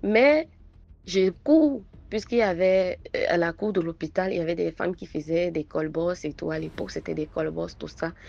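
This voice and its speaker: A woman's voice: fairly low pitch, level tone, a little fast, vocal fry, few pauses, a little mellow. A woman telling a first-person story, hesitant with stammering repetitions. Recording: dull lo-fi recording.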